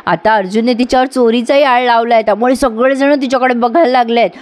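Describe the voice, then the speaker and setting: A woman recapping a TV serial episode in casual, lively storytelling, talking straight to her viewers. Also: a little high, fast. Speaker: TV serial reviewer.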